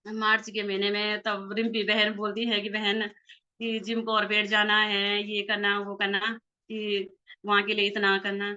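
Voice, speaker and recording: A woman's voice: mid-range voice, monotone, unhurried, pushed and bright. A woman, a network marketing leader, telling her personal story casually and acting out past conversations with animation. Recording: slightly dull lo-fi recording.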